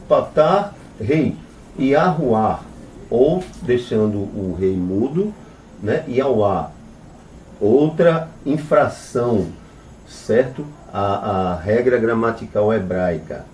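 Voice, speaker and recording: Slow, mellow-voiced man teaching in an echoey room. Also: medium pitch, slight background noise. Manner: spells out letters and vowel marks one by one, asks "right?" after nearly every phrase; emphatic when denouncing false claims. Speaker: rabbi teaching a class. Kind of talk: religious lesson on Hebrew names. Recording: echoey room, mic at a distance.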